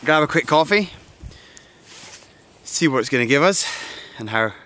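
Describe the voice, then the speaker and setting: Sharp-toned and animated, this young man's voice sits fairly high and moves at a normal speed. He has a cold and is excitedly working through his landscape photo plans to camera on a gusty hilltop. The hand-held camera mic, held both close and far, records wind noise.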